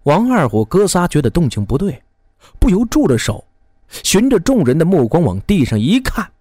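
Lively, animated male storyteller. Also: a little high, normal speed, dry recording, clean studio sound. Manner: lively and expressive, many voices.

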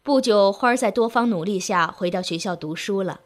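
A woman's voice: mid-range voice, brisk. A woman reading a sentimental story aloud in an emotive storytelling manner.

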